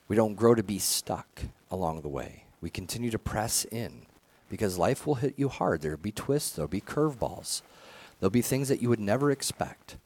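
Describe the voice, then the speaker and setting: Earnest man preaching a sermon, lowish voice. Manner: earnest, restarts phrases, fillers. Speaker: pastor. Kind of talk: conversational sermon.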